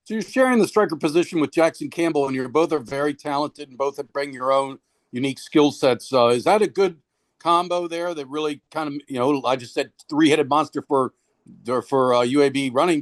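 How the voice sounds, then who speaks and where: A man's voice: a little high, brisk, no echo. A male sports reporter on a video call, asking long, winding, conversational questions at a press conference.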